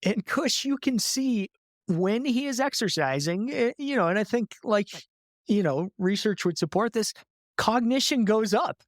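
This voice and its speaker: A man's voice: sits high, expressive, measured pace, no echo, studio quality. A man guest in a casual podcast interview, talking loosely with lots of filler words and easy laughs.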